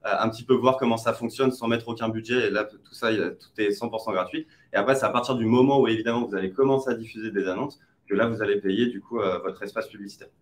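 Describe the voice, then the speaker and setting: A man's voice: fairly low pitch, steady tone, quick pace. A man, an advertising expert, explaining online advertising in a webinar, hesitant with many fillers and restarts. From France.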